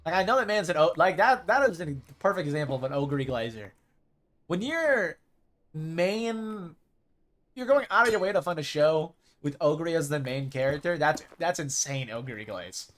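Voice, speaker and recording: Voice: medium pitch, lively intonation, moderate pace, fairly bright tone. A streamer rambling and thinking aloud over live gameplay in casual chat.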